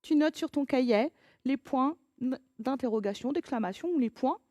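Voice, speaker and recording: A woman teacher giving a recorded grammar lesson to children, patient and encouraging, reading example sentences with lively emphasis. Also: sits high, normal speed, no room sound.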